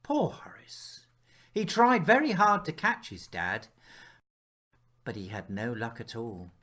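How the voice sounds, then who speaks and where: Reading his own picture book aloud, a male author takes an unhurried, slow pace. He brings the children's story to life with lively shifts in pitch, dramatic pauses, and quiet, hushed passages.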